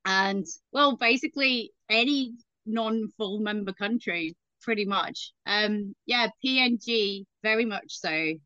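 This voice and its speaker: A woman, a guest in a casual interview, telling stories in a chatty, lively way. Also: medium pitch, slow pace, smooth, no room sound, muffled recording. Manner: chatty, anecdotal, lively storyteller.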